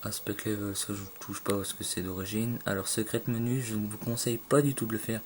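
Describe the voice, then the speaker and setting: Low monotone guy mumbling thru a pc tutorial on his phone, lots of uhs, faint background hum. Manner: halting, many fillers and restarts, loose slang. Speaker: gaming tutorial maker. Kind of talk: casual screen tutorial. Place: indoors at a home computer. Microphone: phone filming a screen. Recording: phone recording with faint room noise.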